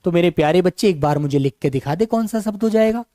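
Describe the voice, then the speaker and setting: A male teacher with a sore, hoarse throat, leading an online exam-prep class in a calm, unhurried and affectionate way. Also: high-pitched, no room sound, studio quality.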